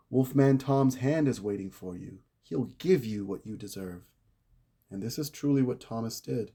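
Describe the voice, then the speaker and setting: Low, mellow-voiced man reading a story. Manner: measured, dramatic storytelling with slowed emphasis. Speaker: reader of a saint's life. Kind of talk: read-aloud narration.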